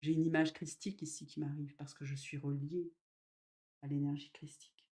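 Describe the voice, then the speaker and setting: A woman medium giving a spiritual live talk, gentle and slow, with sudden loud emphasis and soft drops. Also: low-pitched, level tone.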